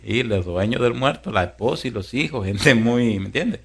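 Man, pastor, lively sermon storytelling, hushed then loud, laughing. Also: mid-range voice, moderate pace, creaky, slightly rough.

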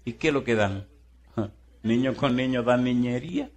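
Over some background noise, a male pastor delivers a sermon at an unhurried pace, teasing his congregation with folksy rhetorical questions. His delivery swings between booming and hushed.

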